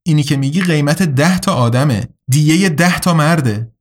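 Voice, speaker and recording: A man's voice: on the high side, lightly acted. A man voicing a badly injured young warrior in an audiobook, blunt, sardonic and weary. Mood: bitter. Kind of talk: audiobook character reading.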